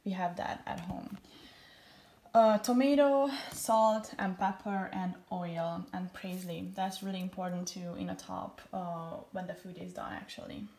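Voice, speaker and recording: A woman's voice: on the low side, unhurried, vocal fry, a little mellow. Young Hungarian-accented woman, cooking vlogger, chatty and enthusiastic, faint noise in a home kitchen. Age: young adult. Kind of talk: casual cooking tutorial.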